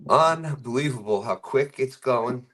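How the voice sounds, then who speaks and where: A man's voice: medium pitch, measured pace, fairly bright tone. A man hosting a live fishing stream, casually greeting viewers and reading their comments aloud with frequent chuckles.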